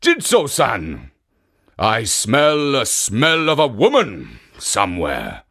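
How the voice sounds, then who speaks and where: A storyteller voicing a big, sly male ogre who speaks loudly and gruffly. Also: mid-range voice, wildly swooping pitch, takes it slowly, heavily acted. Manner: loud, sniffing, gruff.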